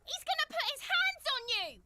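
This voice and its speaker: A woman voicing a shrill, foul-mouthed little girl who taunts and screams for help. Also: sing-song, moderate pace. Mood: shrieking. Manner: screeching, taunting, yelling for help. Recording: loud background noise.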